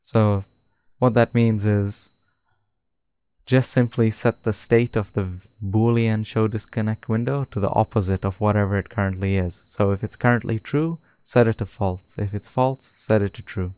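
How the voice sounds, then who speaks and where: A man narrating a screen-recorded coding tutorial, dictating code slowly and step by step. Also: fairly low pitch, fairly even intonation, a little mellow, smooth, dry recording. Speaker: tutorial host.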